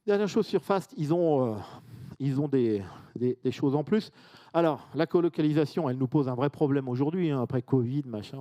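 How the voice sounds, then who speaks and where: This conference speaker from France keeps things informal and chatty, slipping in asides and asking the audience questions. He has a warm, medium-pitched voice, but the recording is muffled.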